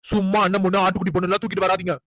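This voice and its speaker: A rapid-fire, hot-headed cartoon young man, as a performer voices him, possessive and demanding, speaking in a mid-pitched voice. The recording is dry and close. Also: level tone, no echo, lightly acted, poor audio. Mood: angry. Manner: shouting, demanding. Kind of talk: cartoon voice acting.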